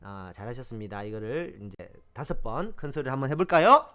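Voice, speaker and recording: A man's voice: medium pitch, sing-song, brisk, sharp tone, clear, resonant tone. A man hosting a homemade language lesson, drilling phrases aloud and explaining words with frequent fillers and repetition. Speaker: language teacher. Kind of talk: lively self-made language lesson.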